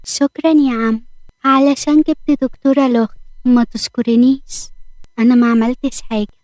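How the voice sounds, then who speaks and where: A woman with an Egyptian accent, voicing a calm, reassuring young man in a narrated audio story. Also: a little high, fairly quick, no room sound, close to an everyday voice. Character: young man, remorseful and gentle.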